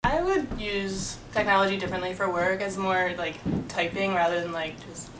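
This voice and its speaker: A woman's voice: mid-range voice, normal speed. A nineteen-year-old woman, a college student, answering interview questions casually with lots of "like". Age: late teens. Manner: casual, uses like. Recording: echoey room, distant mic, clear background noise.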